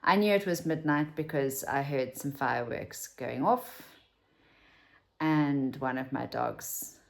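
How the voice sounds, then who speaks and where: A South African vlogger in her fifties talks casually to camera at home, slowly, in a low voice with a gravelly fry. She rambles candidly and drops to a whisper for asides.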